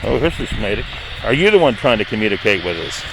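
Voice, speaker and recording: A man's voice: lowish voice, sing-song, quick pace. A man speaking as a paranormal investigator, addressing spirits and viewers with simple, repeated questions and commands. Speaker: paranormal investigator hosting a spirit box session. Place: outdoors in a cemetery. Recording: very noisy outdoor field recording.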